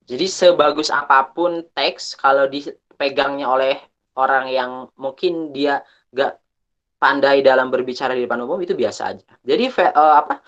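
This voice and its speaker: Young male webinar speaker, casual and halting, dull lo-fi call audio. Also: mid-range voice, a bit bright. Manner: chatty, restarts often, pauses with fillers. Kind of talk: casual online workshop talk.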